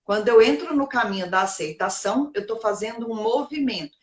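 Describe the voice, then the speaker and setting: A woman's voice: a little high, fairly quick. Reflective woman, roomy sound. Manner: reflective, poses rhetorical questions and answers them. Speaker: host of a live self-help talk. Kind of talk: casual live talk.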